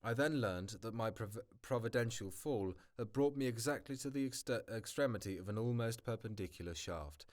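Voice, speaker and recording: A man's voice: medium pitch, moderate pace, hardly any pauses. A man reading a novel aloud as a hobby, often stumbling and restarting words. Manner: stumbles, restarts and corrects words, remarks on the text. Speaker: hobby audiobook reader. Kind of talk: amateur audiobook reading.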